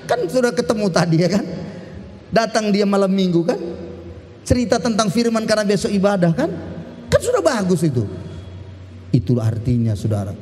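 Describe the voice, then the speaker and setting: A man pastor giving a lively sermon, shifting from sudden shouts to slow, emphatic drops. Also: high-pitched, long reverb tail.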